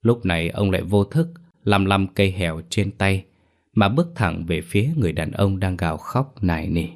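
A man reading a horror story aloud as a storyteller, in a measured, slow manner. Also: deep voice, darkish tone. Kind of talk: scripted horror story narration.

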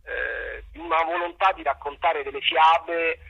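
Heard through narrow, tinny audio, this middle-aged man has a somewhat high, breathy voice with vocal fry and a slightly slow delivery. He's a guest theatre director in a conversational interview, reflective and hesitant, repeating himself as he gropes for his phrasing.

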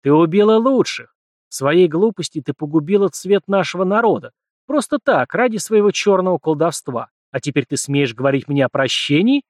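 A man's voice: on the high side, big pitch swings, fairly quick, few pauses, dry recording, studio quality, voice pushed up. A man doing a fierce female warrior. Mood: harsh. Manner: harsh, scornful.

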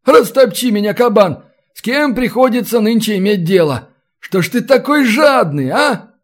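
In an audiobook, a man doing a boisterous brawler, loud and mocking, haggling over a prize. The voice sits high and moves with swaggering energy. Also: expressive, moderate pace. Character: boisterous bargaining male brawler, Belarusian.

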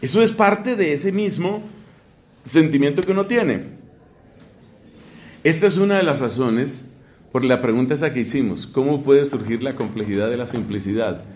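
A man's voice: medium pitch, lively intonation, moderate pace, long pauses, a little mellow. A Colombian priest in his fifties with a Colombian Spanish accent, giving a theological lecture in a conversational way and putting questions straight to his listeners. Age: 50s.

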